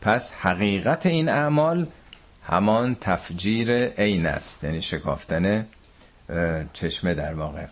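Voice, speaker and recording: A man from Iran teaches a Quran commentary class in a low, animated voice. He recites Arabic verses slowly, then explains them in everyday speech.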